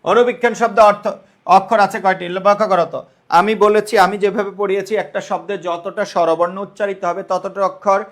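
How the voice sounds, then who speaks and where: A man's voice: high voice, fairly even intonation, fast talker. A man teaching an online exam-prep grammar lesson, breaking words into syllables, repeating his questions and checking that students follow. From Bangladesh. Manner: explains step by step, repeats questions and checks understanding.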